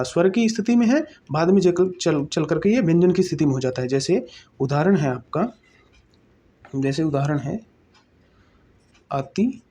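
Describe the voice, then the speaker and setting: Husky, mellow-voiced grammar teacher. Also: mid-range voice. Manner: explains step by step, asking and answering own questions; repeats terms and checks in often. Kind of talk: exam-prep grammar lesson.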